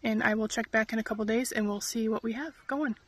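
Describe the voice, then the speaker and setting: A middle-aged woman who keeps chickens talks fast in a steady, slightly high voice, explaining a task with some hesitation in an informal how-to vlog. She records on a phone at arm's length in a farmyard chicken run, so the audio carries clucking hens and outdoor noise.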